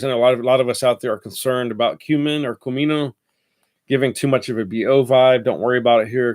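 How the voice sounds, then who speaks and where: Congested from a head cold, a man with a nasal, mid-range voice rambles through a casual fragrance review, correcting himself as he goes.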